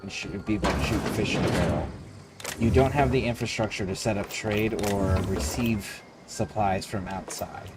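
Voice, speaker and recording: A man with a lowish voice gives live commentary on a video game. He reasons aloud in a deliberate, explanatory manner while prominent music plays behind him. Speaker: livestreamer playing a video game. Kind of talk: game commentary, thinking aloud and reading choices.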